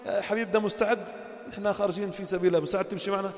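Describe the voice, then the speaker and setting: Man, preacher, storytelling sermon, high voice, reverberant hall. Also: fairly even intonation, racing. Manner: storytelling, acts out quoted dialogue, builds to emphatic exhortation. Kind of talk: informal sermon to a gathering. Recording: echoey hall.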